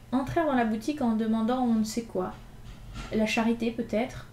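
A woman reading a classic novel aloud in an expressive, lively storytelling manner. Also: on the high side, a little hiss or hum. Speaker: reader. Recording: echoey room with faint ambience.

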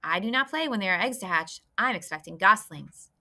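A woman's voice: medium pitch, lively intonation, a little fast, sharp tone. A woman voicing a fussy mother goose who chatters emphatically. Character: fussy broody mother goose, bustling and prim.

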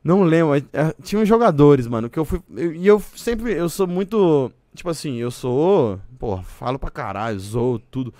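A young Brazilian man, a podcast guest, telling stories in a loose, animated way full of swearing. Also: a little high, moderate pace, few pauses, dry recording, studio quality. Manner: animated, swears a lot, acts out quoted voices. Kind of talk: casual podcast storytelling.

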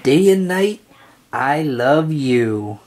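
The audio, carrying a slight hiss or hum, features a storybook reader at medium pitch reading a children's picture book in an expressive, sing-song style with drawn-out phrases.

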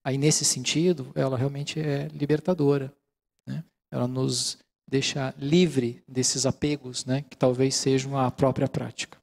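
Speaking Brazilian Portuguese into a handheld microphone, a middle-aged mindfulness lecturer calmly explains his points to a large auditorium and often checks in with the audience. His medium-pitched voice is gravelly and unhurried, with many "né" fillers, in a relaxed session that takes audience questions.

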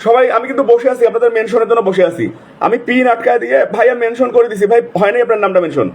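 Very high, rapid-fire live host. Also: male voice, slightly rough. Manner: repetitive, urgent calling out of names. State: sore throat. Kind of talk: live stream shout-outs.

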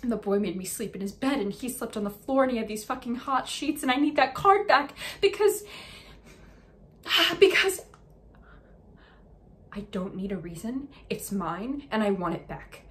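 A young woman performs a teenage girl in a contemporary dramatic monologue. Her voice is fairly high, and she speaks in an upset, halting, emotionally strained way. She comes across as hurt, defensive and angry with a friend. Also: sing-song, fairly bright tone. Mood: desperate, demanding. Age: young adult. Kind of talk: contemporary dramatic monologue, naturalistic stage acting. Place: small plain indoor room.

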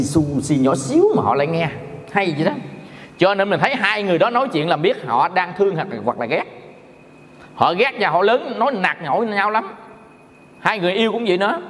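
A man's voice: high-pitched, fairly bright tone. A middle-aged man from Vietnam, a Buddhist monk giving a folksy, joking dharma talk in which he acts out quarrels. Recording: long hall reverb.

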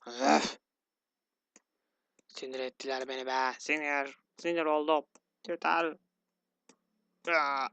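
A man's voice: fairly high pitch, flat delivery, slow, vocal fry, pauses often, bright, forceful tone, clear, resonant tone, dry recording. A man commentating his own gameplay, grumbling and getting easily frustrated, with sighs and yelps. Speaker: gaming YouTuber. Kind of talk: let's play commentary.

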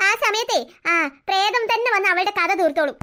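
A woman's voice: very high-pitched, a little fast, pushed and bright. A woman voicing a clever, mischievous little sister in a cartoon, plotting a prank. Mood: scheming. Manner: plotting, giggly.

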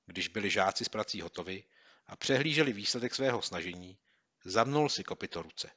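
A man reading a children's book aloud as a narrator, with steady storytelling delivery. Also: fairly low pitch, highs cut off. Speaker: audiobook narrator. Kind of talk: scripted narration.

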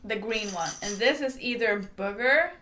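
A woman's voice: fairly high pitch, moderate pace, a little hiss or hum. A woman in her twenties chatting casually and giggling as she eats gross jelly beans in a taste challenge, recorded at home. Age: 20s. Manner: giggly, animated. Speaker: vlog challenge participant. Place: bright indoor room at home.

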